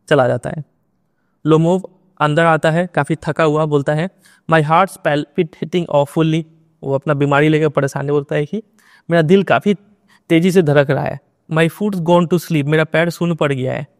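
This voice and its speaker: A man teaching in a close, dry recording, his voice sitting a little high for a man. He reads each quoted line slowly, then explains it, keeping an even teacher's manner throughout. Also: no room sound.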